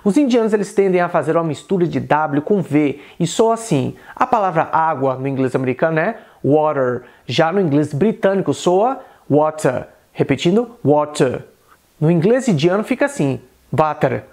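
A man with a Brazilian Portuguese accent teaching an English pronunciation lesson, repeating each example word slowly and carefully. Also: a little high, animated, darkish tone.

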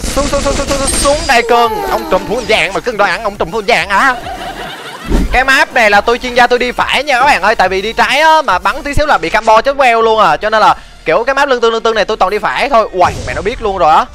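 A man streaming a game, talking fast and excitedly, often exclaiming, over game music. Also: sits high. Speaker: gaming streamer.

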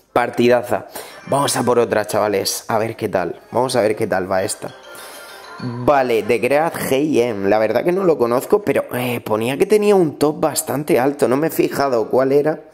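Soft-spoken man commenting a game. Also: mid-range voice. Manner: talks quietly and a little oddly, ASMR-style; excitable, bursts out loud at big plays. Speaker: gaming streamer.

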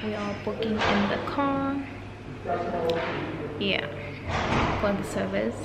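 Here a South African vlogger, 21, speaks slowly in a mid-range voice, joking casually with her viewers and using sassy slang. She holds the camera at arm's length, and there's clear background noise behind her.

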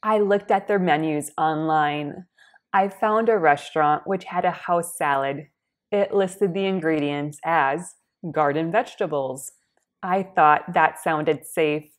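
A young woman vlogger telling a personal story to camera in a soft, partly whispered voice. She is congested, speaks slowly and carefully in plain words, and clears her throat often. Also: fairly low pitch. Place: indoors against a plain wall.

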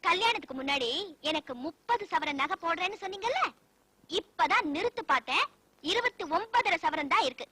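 A stubborn, scolding young bride in a film comedy. Her voice is very high and bright. It is recorded dry and close. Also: animated, fairly quick, no echo, full character voice. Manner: firm, scolding.

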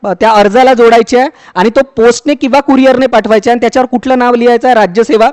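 High-voiced man explaining a form. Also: steady tone, fast, a little mellow. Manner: conversational, repeats "ठीक आहे", frequent fillers and restarts. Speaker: education YouTuber explaining a scheme. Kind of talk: explanatory walkthrough for students.

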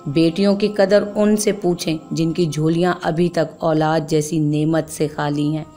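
A woman narrating an emotional story in a scripted audiobook style, earnest and measured. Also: sits low, fairly even intonation, mellow, faint music behind.

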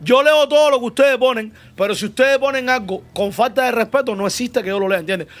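A man hosts in a notably high voice. He relays audience questions with careful politeness and gently probes his guests. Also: a little fast. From Cuba. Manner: reads viewer questions, polite and probing. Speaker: host. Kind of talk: casual interview.

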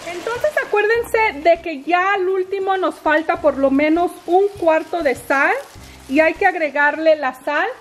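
A woman's voice: very high-pitched, measured pace, soft background music. A woman in her thirties hosting a casual cooking vlog from her home kitchen, chatty and upbeat as she talks straight to viewers. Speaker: cooking channel host.

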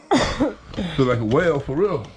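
A man's voice: on the high side, sing-song, takes it slowly, a little hiss or hum. A man bantering casually, stubbornly denying everything and repeating himself. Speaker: prank target, friend of host.

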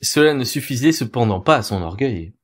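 A man narrating a folk tale in an expressive, theatrical storytelling manner. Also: medium pitch, fairly quick.

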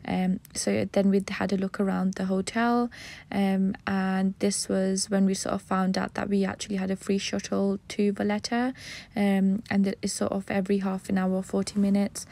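Low-key woman with a gravelly voice. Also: normal speed. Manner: relaxed, many fillers like um and uh. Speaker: travel vlogger. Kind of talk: casual travel voice-over.

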